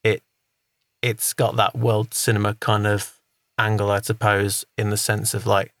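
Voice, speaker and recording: A man's voice: on the low side, flat delivery, unhurried, fairly bright tone, dry recording. A man talking casually on a podcast, reviewing a show in a rambling, thinking-aloud way. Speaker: podcast co-host. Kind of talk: casual film review chat.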